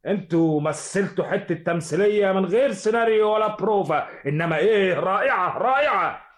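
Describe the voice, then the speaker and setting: A jovial Egyptian film director in an old radio play, heartily praising through laughter. His voice rides noticeably high. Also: expressive, brisk. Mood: delighted. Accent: Egyptian Arabic. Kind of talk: vintage radio drama acting.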